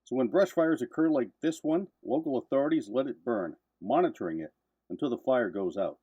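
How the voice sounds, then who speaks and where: A man's voice: medium pitch, expressive, fairly quick, mellow, lo-fi sound, slight background noise. A man delivering scripted news narration in an emphatic way, posing rhetorical questions. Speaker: reporter and narrator.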